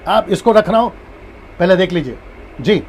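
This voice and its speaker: A man's voice: sits high, normal speed, a little hiss or hum. A man, a pastor, giving a live-streamed Bible lesson who repeats his points and acts out different tones of voice. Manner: repeats key points, animated with acted tones.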